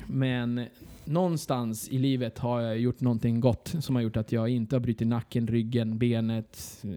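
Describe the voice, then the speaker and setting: A man telling a story in a casual podcast chat, animated, swearing and acting out dialogue. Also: mid-range voice.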